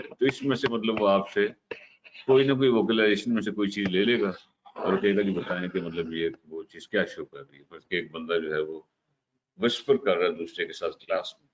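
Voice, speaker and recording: Low voiced guy teaching a class, slow careful explaining, bit muffled with faint hiss. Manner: explains slowly, mixes English terms into Hindi-Urdu, frequent "ठीक है" check-ins. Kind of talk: lecture on communication. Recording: slightly dull recording with faint hiss.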